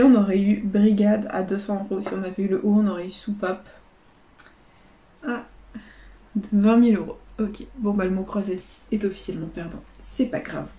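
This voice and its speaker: A woman casually commenting as she scratches lottery tickets, calling out letters and numbers one by one, often quietly. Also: a little high, reverberant.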